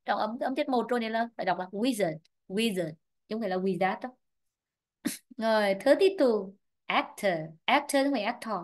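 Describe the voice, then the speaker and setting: A woman teaching English online with a Vietnamese accent, slowly drilling word stress and explaining it in Vietnamese. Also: on the high side. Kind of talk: online class, correcting pronunciation.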